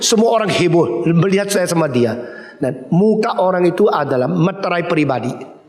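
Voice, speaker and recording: Animated male preacher in a reverberant hall. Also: high-pitched, normal speed. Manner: animated storytelling, acting out quoted voices. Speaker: pastor. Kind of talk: sermon.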